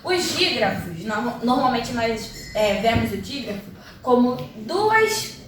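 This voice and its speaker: A woman's voice: a little high, very animated, slow, background noise. A woman with a Brazilian Portuguese accent teaching a lesson, explaining step by step and checking in with her listeners. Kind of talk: classroom lesson. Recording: very echoey room, mic far off.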